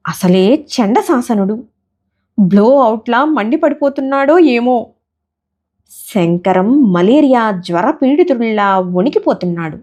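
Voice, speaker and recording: Slow-paced woman telling a comic story. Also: fairly high pitch, animated, a little mellow.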